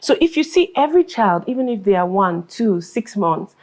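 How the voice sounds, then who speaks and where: A Nigerian woman who directs a school answers interview questions like an animated storyteller, acting out dialogue and laughing often. Her voice is mid-range and she speaks at a normal speed.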